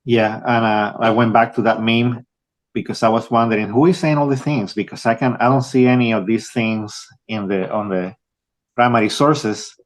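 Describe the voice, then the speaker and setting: A younger man from Rico, answering interview questions as an author, halting with many restarts. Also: medium pitch, fairly even intonation. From Puerto Rico. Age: young adult. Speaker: author guest.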